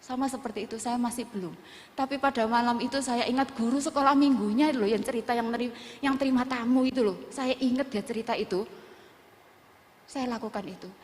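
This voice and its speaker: A woman's voice: a little high, brisk. Woman preaching in a reverberant church hall. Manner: storytelling with Javanese words mixed in, emotional. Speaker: preacher at a women's church service. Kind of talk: sermon testimony.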